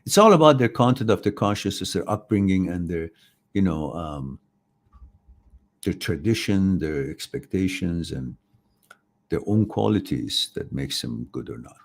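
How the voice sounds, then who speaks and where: A man's voice: low-pitched, sing-song, measured pace. Opinionated man giving advice. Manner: opinionated, rambling, acts out quoted voices. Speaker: host answering viewer questions. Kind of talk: live chat advice talk.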